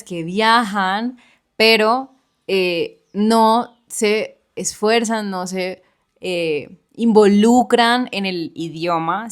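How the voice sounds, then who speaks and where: A woman co-hosting a podcast, earnestly telling her own experience and speaking directly to the listener. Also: medium pitch. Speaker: podcast co-host. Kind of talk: personal storytelling chat.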